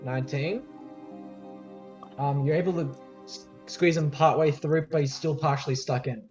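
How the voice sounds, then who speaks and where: Man, higher voice, game master, casual hesitant narration, dull audio, faint music behind. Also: steady tone, normal speed, darkish tone.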